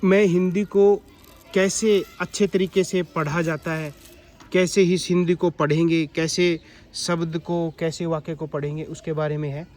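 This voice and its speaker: A man teaching young pupils in a classroom, asking them questions and slowly reading example sentences aloud. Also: fairly high pitch, level tone, a little mellow. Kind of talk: classroom explanation to children.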